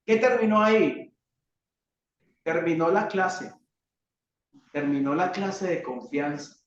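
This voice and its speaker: Colombian male preacher, high slow voice, dramatic rhetorical sermon, echoey dull church recording. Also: animated, recorded from a distance. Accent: Colombian Spanish. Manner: dramatic, rhetorical questions, acts out cries.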